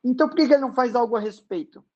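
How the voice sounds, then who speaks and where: A grieving, desperate father, played by a man in a dramatized book reading. His voice rises high and pleads. The tone is raw and urgent. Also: rapid-fire, highs cut off. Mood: anguished, questioning. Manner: raised, pleading voice.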